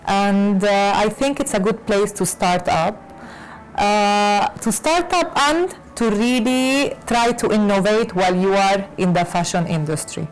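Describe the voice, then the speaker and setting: A woman fashion designer from Lebanon, raised in Latin America, answering interview questions with many pauses and fillers. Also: medium pitch, soft background music, rough recording. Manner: hesitant, many fillers and restarts. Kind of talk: conversational interview.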